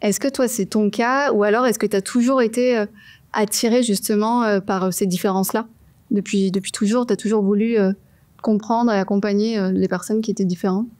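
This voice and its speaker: A woman hosting an interview, asking questions in a halting way with fillers and often murmuring agreement. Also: medium pitch, steady tone, a little mellow. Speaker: interview host. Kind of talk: casual interview chat.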